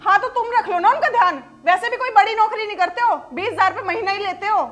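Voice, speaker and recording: A woman's voice: very high voice, quick pace, a bit bright. A woman playing an arrogant, cruel daughter-in-law who scolds in a harsh, contemptuous way. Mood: scornful.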